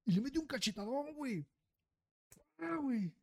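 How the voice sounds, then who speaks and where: This male podcast co-host has a very high voice with vocal fry and talks at normal speed. Speaking with a Mexican accent, he tells a story in laid-back podcast conversation, cursing freely and adding "güey" to almost every phrase while animatedly playing the characters.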